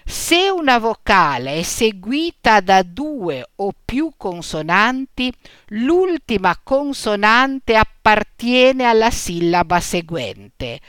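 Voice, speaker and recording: A woman reading a lesson on Latin pronunciation, slow and deliberate, spelling out letters and example words. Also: medium pitch, big pitch swings, a bit bright, clean tone, no echo, studio quality. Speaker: teacher.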